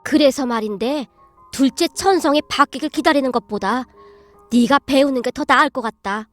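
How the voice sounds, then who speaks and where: A shrewd, outspoken elderly grandmother, as a woman narrator puts her on, who talks sharply and forcefully. The voice is fairly high. Light music runs underneath. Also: moderate pace. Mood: instructive.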